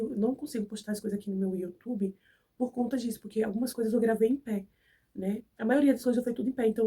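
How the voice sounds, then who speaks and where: A woman's voice: medium pitch, mellow, slightly rough, far from the mic. A young Brazilian woman with a cold, chatting to her viewers as she tells a personal story and acts out who said what. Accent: Brazilian Portuguese. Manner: chatty, acts out dialogue in the retelling. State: has a cold. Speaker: vlogger.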